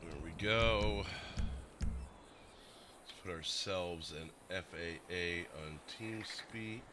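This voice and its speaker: Over a noisy background, a man hosting a livestream chats casually with his viewers at a desk mic, his low voice stretching words out. He rambles and pokes fun at himself, leaning heavily on fillers.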